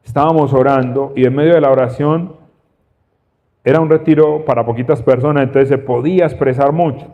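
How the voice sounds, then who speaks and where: A man preaching a sermon, slow and emphatic, repeating his phrases. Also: mid-range voice, fairly even intonation. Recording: dull sound, long reverb in a hall.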